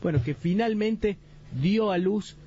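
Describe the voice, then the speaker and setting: A man giving a live radio report from a court trial, laying out the events in steady detail with frequent restarts. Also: sits high, measured pace, breathy edge. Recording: muffled radio audio.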